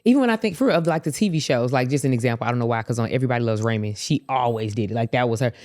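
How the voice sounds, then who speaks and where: A woman co-hosting a casual couples podcast, talking in an animated, laughing way and often slipping into playful quoted voices. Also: rumbling low, rapid-fire, no echo, studio quality. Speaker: podcast co-host.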